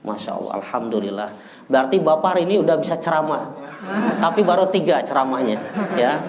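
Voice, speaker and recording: A man's voice: a little high, fairly quick, a crowd in the background. Echoey Indonesian man teaching Arabic. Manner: lively, teasing, jokes with students. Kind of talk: classroom lesson. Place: indoor classroom. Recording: echoey room, far from the mic.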